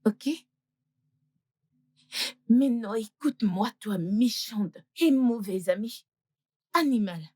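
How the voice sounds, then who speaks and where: A spiteful rival who mocks and insults in a slow, drawn-out way. Her voice is slightly husky. The sound is dry and close. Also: fairly high pitch, lively intonation, warm tone, no echo. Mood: taunting. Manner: mocking, insulting, triumphant. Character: spiteful pregnant woman taunting a rival.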